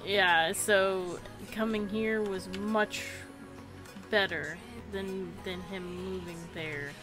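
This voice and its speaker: A woman's voice: medium pitch, fairly even intonation, slow. A woman from the United States chatting casually as a live streamer while gaming. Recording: music playing behind the voice. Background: music.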